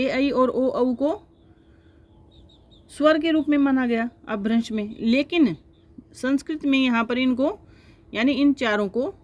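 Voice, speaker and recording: A woman teaching a lecture to exam students, explaining step by step and often pausing to check with her listeners. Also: fairly high pitch, darkish tone.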